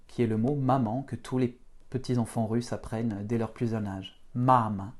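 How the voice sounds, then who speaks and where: A man teaching beginners to write letters, talking them slowly through each stroke. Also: medium pitch, mellow. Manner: slow, step-by-step instruction. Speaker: Russian teacher. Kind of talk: handwriting lesson for beginners.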